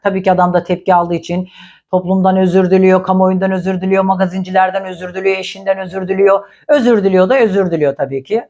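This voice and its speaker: A woman's voice: lowish voice, a little mellow. A woman commenting on celebrity gossip in a blunt, indignant, scolding way.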